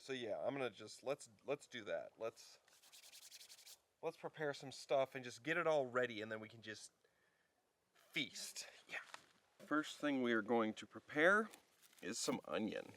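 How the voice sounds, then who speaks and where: A man vlogging casually from a wilderness campsite, chatting in a relaxed way and gently coaxing his dog. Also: medium pitch, measured pace, long pauses. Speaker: outdoor vlogger. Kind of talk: casual vlog narration.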